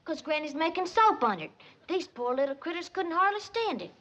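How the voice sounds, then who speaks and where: Young country girl, rural Southern accent, high bright voice, lively pitch. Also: a little fast, slight background noise, exaggerated voice. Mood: earnest. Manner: plain-spoken, gentle.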